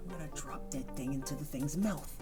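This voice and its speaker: A woman playing a tabletop game, talking in a halting, rambling way. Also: low-pitched, over music. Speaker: player. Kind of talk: casual play chat.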